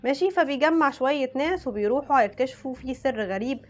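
Rapid-fire chatty Egyptian woman. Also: sits high, animated, faint music behind. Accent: Egyptian Arabic. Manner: chatty, frank, breaks off mid-word and restarts. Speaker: anime vlogger. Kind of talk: casual chat reading out recommendations.

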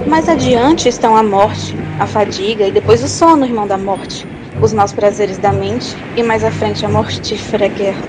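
A woman's voice: medium pitch, heavy background noise, natural voice. A Brazilian woman playing a grave sibyl who guides a hero through the underworld, speaking in a solemn, declamatory way. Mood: solemn warning. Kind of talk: theatrical audio drama acting in Portuguese.

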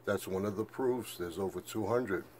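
An older man with a lowish voice rambles on in a meandering monologue, stacking up fillers and retelling each exchange with "I said". A faint hiss sits under the audio. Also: moderate pace, darkish tone. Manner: meandering, repeats "I said", many fillers. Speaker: flat-earth video maker.

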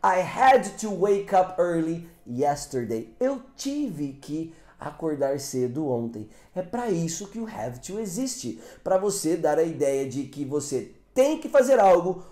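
Casual: brazilian guy teaching english grammar, lively up-and-down voice, kinda mellow tone, echoey room. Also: high-pitched. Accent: Brazilian Portuguese. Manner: explanatory, often checks in with "tá?". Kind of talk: online English grammar lesson.

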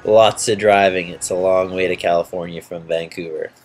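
A man's voice: deep voice, steady tone, moderate pace, darkish tone, slight background noise. A man narrating a road trip video and interviewing a guest in a laid-back, chatty way. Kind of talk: casual travel narration and interview.

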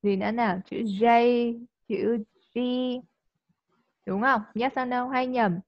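A woman teaching English in a live online class. She coaxes the student and checks understanding with quick tag questions. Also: a little high, steady tone, dry recording. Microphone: video call. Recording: dull lo-fi call audio.

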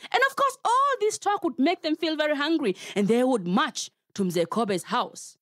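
A woman's voice: high voice, expressive, moderate pace, a bit bright, no room sound, clean studio sound. A Kenyan woman telling a story to children, playful and talking straight to her young listeners. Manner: playful, addresses children directly.

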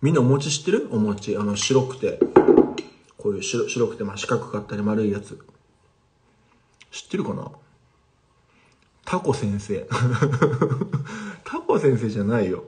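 A man's voice: lowish voice, expressive, moderate pace, pauses often, a little mellow. A man teaching casually on a livestream, chatting with viewers and replying to their comments. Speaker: language teacher streaming live.

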